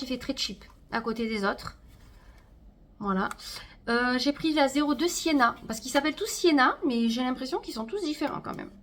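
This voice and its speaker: A chatty woman unboxes makeup at home, her voice pitched a little high. She talks straight to her viewers and trails off with fillers as she goes. A faint hiss sits under the recording. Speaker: beauty vlogger. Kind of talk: casual haul unboxing chat.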